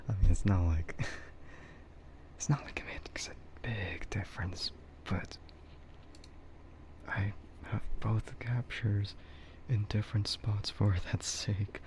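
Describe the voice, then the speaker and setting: A young man streaming as a VTuber in a whispered role-play ASMR style, rambling softly with chuckles and fillers into a close mic. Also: fairly low pitch, takes it slowly, pauses often.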